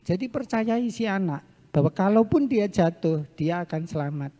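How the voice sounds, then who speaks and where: A man giving a seminar talk on parenting, lively and often acting out what parents and children say. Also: sits high, moderate pace. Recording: echoey hall.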